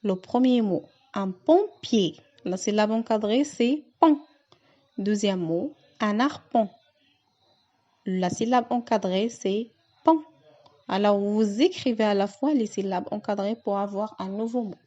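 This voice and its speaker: Slow, careful woman teacher, dull lo-fi sound. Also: medium pitch, dark tone. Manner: slow and careful, stretching out key words. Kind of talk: scripted reading lesson for young children.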